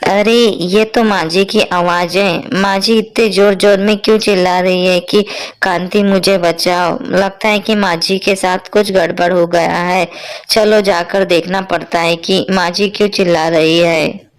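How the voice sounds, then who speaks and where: A woman voicing a dutiful, excitable young daughter-in-law in a cartoon story, chatty and exclaiming. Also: fairly low pitch, unhurried, close to an everyday voice.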